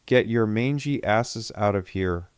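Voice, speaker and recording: A man's voice: mid-range voice, measured pace, no echo, studio quality, close to an everyday voice. A man reading the lines of a grizzled, intimidating retired guardsman who barks orders, in an audiobook. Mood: gruff. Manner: barking, gruff.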